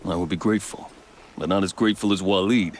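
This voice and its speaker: An actor playing a proud, measured male captain and veteran soldier. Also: low-pitched, slight background noise, natural voice. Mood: proud steady.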